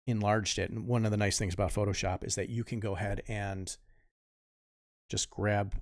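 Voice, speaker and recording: Casting: man in his 50s, deep gravelly voice, dry close sound, rambling artist talking through his drawing. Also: fairly even intonation, moderate pace, dry recording. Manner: rambling, self-correcting, mutters to himself. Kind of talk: casual tutorial chat while drawing.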